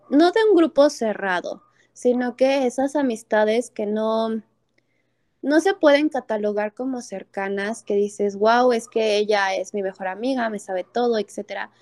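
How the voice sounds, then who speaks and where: Earnest young Mexican woman, mellow voice. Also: fairly high pitch. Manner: earnest, heartfelt, with many fillers and restarts. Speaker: speaker telling a personal story. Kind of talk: personal storytelling.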